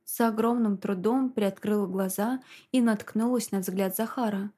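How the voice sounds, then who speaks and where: Mellow-voiced woman narrating an audiobook. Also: mid-range voice, fairly even intonation, moderate pace. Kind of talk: scripted narration.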